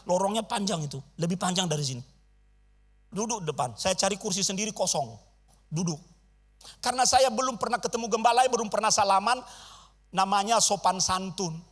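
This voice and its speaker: Animated preacher, high voice. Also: male voice. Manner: animated, acts out dialogue with big swings in loudness. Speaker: pastor. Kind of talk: storytelling sermon.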